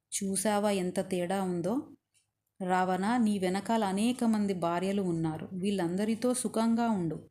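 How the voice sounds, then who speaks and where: A woman voicing a steadfast captive queen who scolds and lectures her captor, in a warm, mellow voice. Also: medium pitch, close to an everyday voice.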